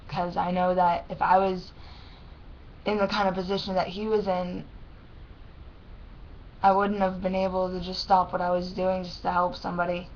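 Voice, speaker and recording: A young adult woman with a lisp and thick, swollen-tongue speech, talking haltingly and plainly in a casual personal vlog. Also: lowish voice, level tone. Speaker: vlogger. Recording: dull lo-fi sound with faint noise.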